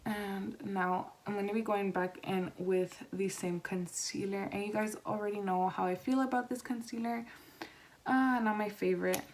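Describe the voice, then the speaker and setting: A woman talking quietly and low, as if someone is asleep nearby, in a casual makeup tutorial chat. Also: steady tone, normal speed. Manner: quiet, hushed talk at night-time volume so as not to wake someone. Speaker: beauty vlogger. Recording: noisy home recording with clicks.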